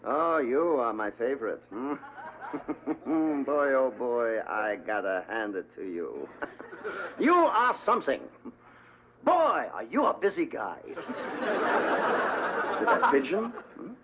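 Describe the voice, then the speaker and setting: A man's voice: medium pitch, very animated, slow, long pauses. An actor playing a pompous male German police investigator who bullies the suspects, with a German accent and a hard, spitting way of saying his words. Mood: mocking. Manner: sneering, mocking and bullying. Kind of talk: 1970s sitcom acting. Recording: muffled 1970s TV sound with hiss.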